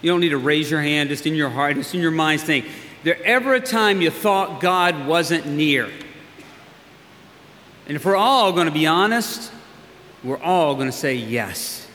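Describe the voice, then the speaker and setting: Man, pastor, sermon, slow deliberate delivery, slightly high voice, reverberant sanctuary. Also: lively intonation, a bit bright. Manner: earnest preaching with slow, emphatic pauses. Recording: long hall reverb, faint hiss.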